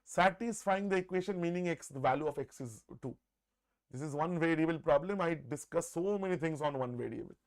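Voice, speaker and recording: A man's voice: fairly high pitch, a little fast. A man with an Indian accent teaching a live maths exam-prep lesson, conversational and repetitive, often saying "sir" and slipping Hindi words into his English. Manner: repeats phrases, often addresses listeners as "sir". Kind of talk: live exam-prep lesson, working through problems aloud.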